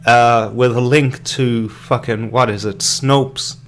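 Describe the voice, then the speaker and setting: Here the Irish podcast host takes his time, his medium-pitched voice fairly even and a bit bright. During the live stream he rambles casually, hesitating, restarting and filling gaps, with sips of beer between thoughts.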